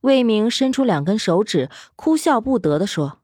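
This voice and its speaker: A woman narrating a serialized novel in an expressive storytelling manner. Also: a little high, normal speed, breathy edge, dry recording, clean studio sound. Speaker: audiobook narrator.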